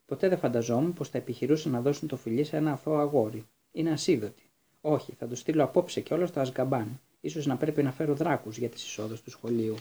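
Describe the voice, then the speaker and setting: A man's voice: medium pitch, warm tone, breathy edge, lightly acted. A man voicing a harried, blustering middle-aged government minister in a raised, exasperated voice while reading a storybook. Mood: grumbling.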